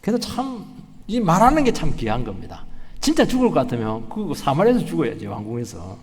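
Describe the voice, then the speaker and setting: A man's voice: a little high, huge pitch swings, brisk, darkish tone, in a large hall. A man preaching a sermon as pastor, dramatic, acting out quoted voices and building to emphatic peaks. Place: church sanctuary.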